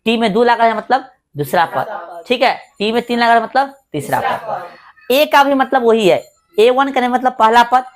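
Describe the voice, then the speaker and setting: A woman's voice: fairly high pitch, expressive, moderate pace. A woman with a Bihari Hindi accent teaching a maths lesson, explaining step by step and checking in with the listener again and again. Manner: casual, conversational teaching. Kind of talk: classroom-style maths lecture.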